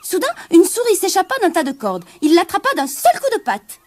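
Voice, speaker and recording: A woman narrates a children's storybook with great drama, shifting from hushed whispers to bright exclamations. Her voice sits high and leaps widely in pitch. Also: sing-song, fairly quick. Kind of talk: expressive storybook reading.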